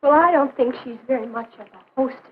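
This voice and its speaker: Woman as very high-voiced practical 1950s girl. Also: fast, natural voice. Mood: helpful. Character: practical, helpful teenage girl. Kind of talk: 1950s educational film acting. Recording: noisy, phone-like 1950s film soundtrack.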